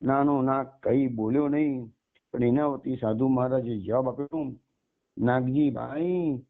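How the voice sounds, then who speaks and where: A man's voice: mid-range voice, normal speed. Man telling a devotional story, tinny line. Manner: lively retelling, steps in to explain lines. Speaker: satsang storyteller.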